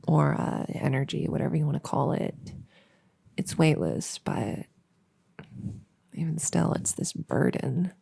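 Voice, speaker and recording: A woman playing a nerdy, friendly elf girl in a soft, whispered ear cleaning ASMR role-play, rambling hesitantly and soothingly. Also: sits low, animated, measured pace, long pauses, exaggerated voice. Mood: soothing, sympathetic. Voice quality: breathy, soft. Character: nerdy, friendly, awkward young female elf cleaning ears.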